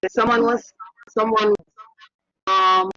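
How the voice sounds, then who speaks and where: A woman moderating an online seminar, relaying audience questions to the speaker in a hesitant, halting way. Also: a little high, monotone, sharp tone, no room sound. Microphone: video call. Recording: dry, muffled video-call audio.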